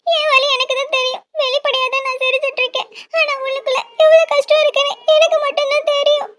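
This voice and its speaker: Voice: very high-pitched, level tone, quick pace, noisy background. A performer voicing a young woman in a cartoon, a lovesick younger sister who pleads in distress. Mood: upset. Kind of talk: cartoon voice acting.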